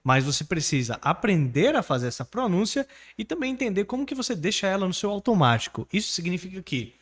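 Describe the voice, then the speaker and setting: A man from Brazil teaching English online, pitching his course and coaching pronunciation with energy. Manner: energetic, persuasive, asks the viewer to repeat words.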